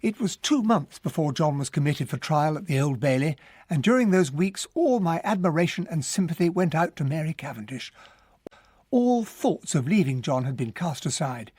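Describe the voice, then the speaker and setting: An actor playing an earnest, well-bred English army captain who narrates and talks in a radio drama, with an English accent. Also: male voice, a little high, expressive, normal speed, a little mellow, husky, no echo, studio quality. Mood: reflective narration. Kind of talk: radio drama acting and first-person narration.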